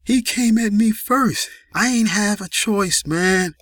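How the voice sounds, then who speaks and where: A man's voice: high voice, slow pace, a bit bright, no room sound, studio quality, pitched above the performer's own voice, full character voice. A man playing a wounded man, slurred and pleading.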